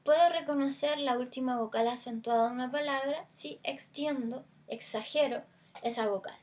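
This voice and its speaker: Chilean woman teaching a lesson, higher voice. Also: normal speed, darkish tone. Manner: stretches stressed vowels to demonstrate; explanatory, with fillers. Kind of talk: recorded language lesson.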